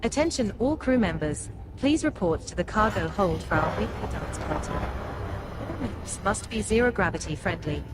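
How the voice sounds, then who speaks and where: A woman voicing a female spaceship computer, making a calm, dryly humorous announcement to the crew over the ship's PA system. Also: medium pitch, normal speed, noisy background. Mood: announcing. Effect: ship's intercom announcement, like a PA system. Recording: game audio with music behind. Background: music.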